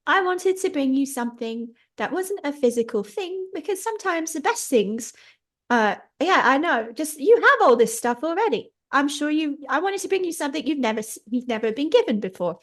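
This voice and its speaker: A sweet, wholesome young adventurer in a tabletop game, earnest and bright, her voice rising and falling a lot, as a woman plays her. She speaks in a high, lively way. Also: moderate pace.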